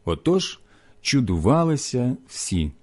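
A man reading scripture aloud in a measured, expressive way. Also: medium pitch. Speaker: Bible reader.

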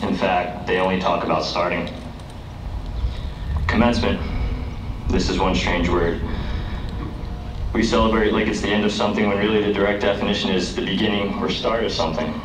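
At a podium on an outdoor lawn, a young adult student from the United States gives an earnest graduation address that rises into emphatic declaiming. He speaks low and fairly evenly at normal speed, with long pauses. Captured through the podium mic by a distant camera, it sounds roomy, distant, and dull, with background noise.

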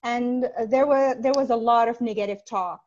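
A woman from Saudi Arabia, in her thirties, speaking earnestly as a podcast guest over a video call from a small home room, with many pauses and "uh"s. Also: on the high side, a little mellow. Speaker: podcast guest, life coach. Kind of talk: casual interview on a video call. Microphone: earbud headset mic on a video call. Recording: dull lo-fi call audio.

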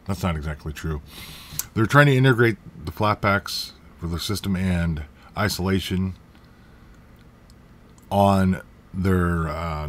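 Slow, low-voiced man rambling through a tutorial. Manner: rambling, self-correcting, jokey asides. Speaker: tech tutorial host. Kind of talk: casual screen-recorded tutorial.

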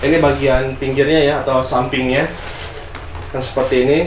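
A man's voice: mid-range voice, level tone, moderate pace, background noise. Young guy w unboxing camping gear, chatty, lots of fillers, echoey little room. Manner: chatty, many fillers and tag questions. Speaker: vlogger reviewing gear. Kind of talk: casual product unboxing. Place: small indoor room full of gear. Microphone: camera on tripod, seated. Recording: echoey room with faint music.

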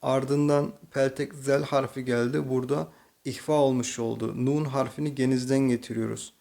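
A man with a Turkish accent teaching slow Quran reading, patiently explaining each letter and then reciting the words slowly and drawn out. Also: mid-range voice, fairly even intonation, creaky, warm tone. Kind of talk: slow tajweed reading lesson.

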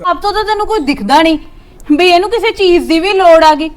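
An actress playing a resentful, sharp-tongued young wife who nags and mutters bitterly, with a Malwa Punjabi accent, in a Punjabi short drama. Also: female voice, extremely high pitch, fast. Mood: scornful. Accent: Punjabi, Malwa region. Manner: nagging, bitter complaints, scornful asides muttered to herself.

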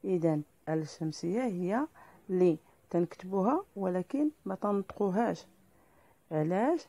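A woman teacher with a Moroccan accent, explaining a lesson to pupils slowly and deliberately, spelling out each example. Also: fairly low pitch, lively intonation, warm tone, breathy edge, no echo.

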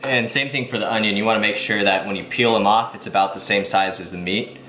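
A man's voice: fairly low pitch, steady tone, quick pace, over loud music. A young man in his twenties giving a casual step-by-step cooking how-to in a home kitchen, explaining in an easygoing way. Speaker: fitness vlogger.

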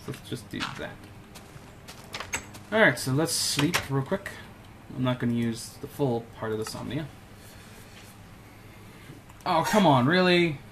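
A man's voice: medium pitch, gravelly, noisy background. A man giving casual commentary while playing a video game, muttering to himself and coaxing in-game animals. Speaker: gameplay commentator. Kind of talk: casual let's-play commentary.

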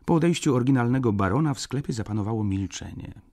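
A man narrating a classic novel as an audiobook in an expressive, animated reading. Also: medium pitch, fast talker. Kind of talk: scripted literary narration.

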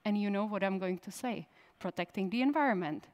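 A woman's voice: mid-range voice, fairly quick, darkish tone. A woman in her thirties, a native Czech speaker, giving a conference keynote in a direct style and putting questions to the audience. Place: conference stage.

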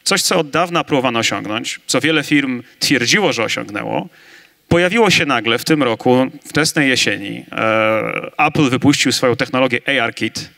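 A man speaking on a large conference stage with a handheld mic, arguing his side in a staged debate with emphatic, energetic delivery. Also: mid-range voice, normal speed, vocal fry. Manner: energetic, emphatic, building to big claims. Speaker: conference debater on augmented reality.

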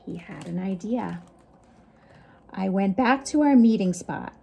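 A middle-aged youth librarian hosts storytime, reading picture books aloud with expression and tossing questions and asides to young listeners. Her medium-pitched voice is animated, creaky and dark, a little slow, with slight background noise.

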